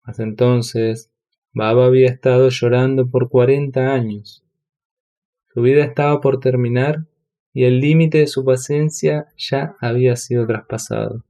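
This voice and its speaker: A man narrating a devotional audiobook in a measured, solemn reading. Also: mid-range voice, steady tone, mellow. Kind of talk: scripted narration.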